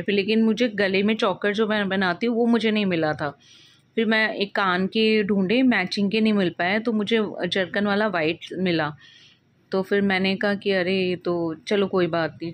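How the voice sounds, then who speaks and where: A woman's voice: medium pitch, a little hiss or hum. A woman casually telling a personal devotional experience in a meandering way, often restarting and correcting herself.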